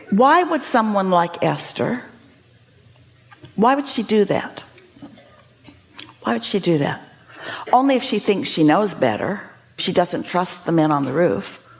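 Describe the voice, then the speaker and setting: A woman teaching a seminar audience, speaking as "we" and posing emphatic rhetorical questions. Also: mid-range voice. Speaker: inspirational speaker.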